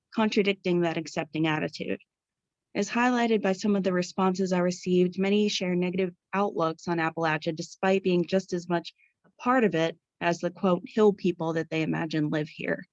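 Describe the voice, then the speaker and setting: A woman's voice: fairly low pitch, dry recording. Young American woman presenting, dull dry recording. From Pittsburgh area, United States. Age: young adult. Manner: formal, carefully read-out delivery. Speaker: student researcher presenting a study. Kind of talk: scripted academic presentation.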